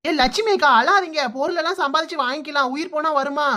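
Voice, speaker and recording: A woman doing a brisk, helpful girl. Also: sits high, pushed and bright. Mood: urging. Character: helpful young village woman, practical. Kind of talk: cartoon voice acting.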